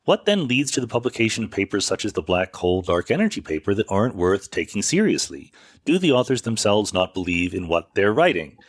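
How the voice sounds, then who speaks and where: Recording on a makeshift setup away from his home studio, a podcast host answers listener questions in an informal, conversational monologue, correcting himself as he goes. His voice is on the low side with big pitch swings and a slightly fast pace, in clean studio sound with no echo.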